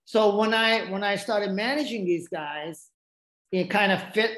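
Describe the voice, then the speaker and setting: With a high, slightly bright voice and measured pace, a man whose first language is Japanese speaks English with a Japanese accent as a podcast guest. He tells stories casually and ramblingly, full of restarts and asides, in a roomy-sounding recording.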